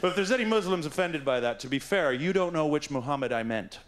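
Male stand-up comedian, absurd rambling set, very lively delivery, roomy club, loud laughing audience. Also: fast, crowd noise. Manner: absurd, rambling, swings between squeaky highs and mumbled lows.

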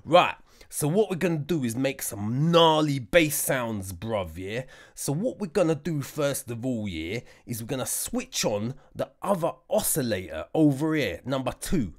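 A man giving a casual music production tutorial, joking around and mocking himself as he goes. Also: mid-range voice. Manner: jokey, slangy, self-mocking.

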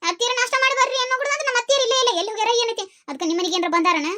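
A woman with a North Karnataka Kannada accent playing a fretful young village daughter-in-law who chatters fast and anxiously in a village comedy skit. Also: very high voice, lively intonation, pushed and bright, exaggerated voice. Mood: worried.

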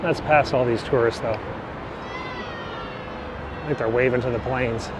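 A vlogger with a medium-pitched, steady, unhurried voice casually narrates his bike ride through the city, filmed outdoors on an action camera. He rambles and corrects himself as he goes, chatty throughout. Street and traffic noise fill the background along with general city ambience.

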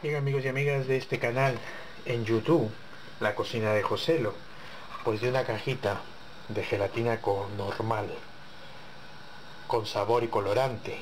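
A man speaks at a measured pace in a steady, mid-range voice, pausing often, over poor audio with a slight hiss or hum. He's the host of a home cooking channel, showing a dessert step by step in his kitchen. He keeps up a chatty, casual tutorial, addressing viewers as he works.

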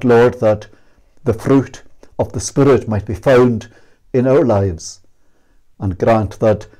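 Slow, earnest older Scottish preacher. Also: male voice, lowish voice, dark tone. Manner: earnest, emphatic questioning, slow and measured. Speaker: minister. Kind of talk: sermon and closing prayer. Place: small indoor room against a plain wall. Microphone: fixed camera at medium distance.

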